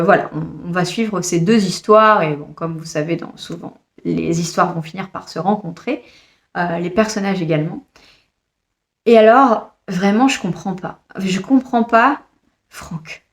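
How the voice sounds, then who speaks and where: A woman giving a casual, expressive review of her monthly reads, exasperated at times and speaking straight to the author. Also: medium pitch. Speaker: book reviewer.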